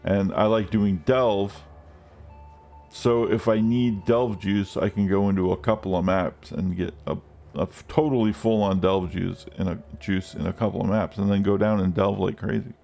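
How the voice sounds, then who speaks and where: Brief: loose, profane male streamer, lowish voice, faint game music under him. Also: normal speed, vocal fry. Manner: rambling, loose, profane, with excited outbursts. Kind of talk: casual live-stream chat.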